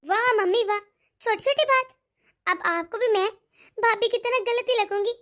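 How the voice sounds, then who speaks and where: A woman's voice: extremely high pitch, moderate pace, fairly bright tone. A woman voicing a self-pitying young married daughter in a cartoon, whining and complaining. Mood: whiny. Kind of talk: cartoon dialogue.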